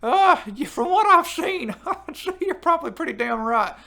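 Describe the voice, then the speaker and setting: In an exaggerated, very high and creaky voice at normal speed, a man plays a foul-mouthed male wrestling fan hosting a live stream. He reads chat comments aloud, brash and crude, swearing freely amid excitable outbursts.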